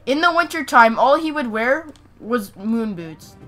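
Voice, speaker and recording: A woman joining a game session as a guest, mocking and gloating at the other players in excitable banter. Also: fairly high pitch, measured pace, soft background music. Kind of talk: casual let's-play banter.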